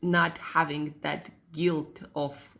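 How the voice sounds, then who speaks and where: A woman with a Russian accent giving a casual motivational talk to viewers, haltingly, repeating phrases for emphasis. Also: low-pitched, flat delivery, gravelly, bright, forceful tone. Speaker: host, self-help coach.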